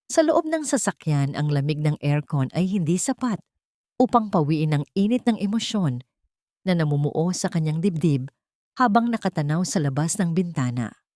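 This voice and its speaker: A woman with a Filipino accent narrates a scripted dramatic story. Her voice is low with a darkish tone, captured in a dry, studio-quality recording.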